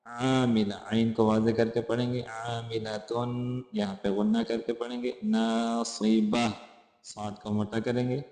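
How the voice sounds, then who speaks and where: A male Quran teacher giving a tajweed lesson, chanting each verse slowly and then briskly explaining how to pronounce it. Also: mid-range voice, gravelly, mellow. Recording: roomy echo with long reverb.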